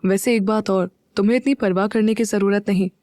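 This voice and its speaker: A woman voicing a guarded young husband who talks softly and tenderly, in an audio story. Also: steady tone, brisk, no room sound, studio quality, natural voice. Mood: quiet tender. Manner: soft, low-key delivery.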